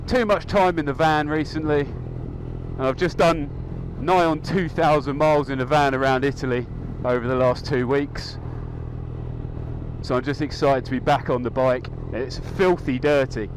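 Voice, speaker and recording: Riding outdoors on his motorcycle, a young man vlogs through a microphone inside his helmet, rambling cheerfully and saying um a lot. He speaks at medium pitch with a steady tone and moderate pace, over faint road and engine noise.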